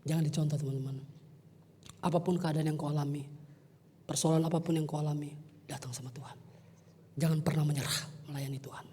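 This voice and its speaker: A man preaching a youth service sermon in a church hall, telling personal stories in an animated way and joking with his listeners. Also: on the high side, brisk, long pauses, slight background noise.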